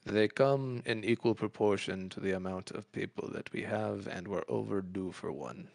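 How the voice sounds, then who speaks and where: A man voicing a stern, disdainful authority figure in a tabletop game, booming and pompous as he lectures. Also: normal speed, gravelly, no echo. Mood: grave, condescending.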